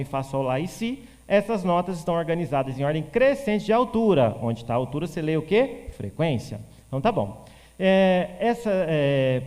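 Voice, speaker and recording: Animated male physics teacher, lively pitch. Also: in a large hall. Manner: animated, plays the student asking questions in a shifted voice. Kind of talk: exam-prep lecture.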